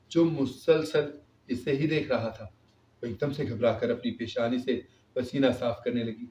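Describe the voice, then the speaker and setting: A man's voice: mid-range voice, a little mellow. Male storyteller, scripted narration, roomy echo, a bit far from the mic. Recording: roomy, distant, dull recording.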